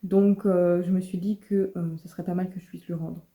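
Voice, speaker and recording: Chatty woman with a very dark, mellow voice. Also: on the low side, little pitch movement, fairly quick. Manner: chatty, many fillers and restarts. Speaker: book vlogger. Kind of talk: casual vlog chat.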